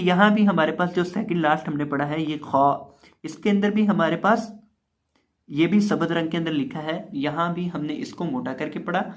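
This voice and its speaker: A man teaching Quran reading in a recorded lesson, patiently spelling out letters and then reciting each word aloud with emphasis. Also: fairly high pitch.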